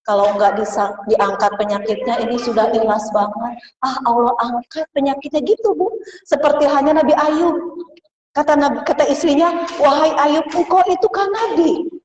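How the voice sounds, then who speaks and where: A woman's voice: sits high, normal speed, far from the mic, noisy background. Female teacher, sermon to women, miked from afar in an echoey hall. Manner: addresses listeners as Bu, softens into hushed prayers. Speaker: religious teacher. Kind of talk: women's study circle sermon.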